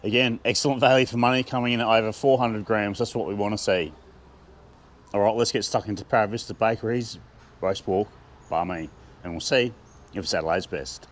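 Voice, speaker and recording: A man's voice: lowish voice, steady tone, brisk. Chatty Australian man reviewing food. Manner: chatty, enthusiastic, laughs often, talks while eating. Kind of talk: casual food review vlog.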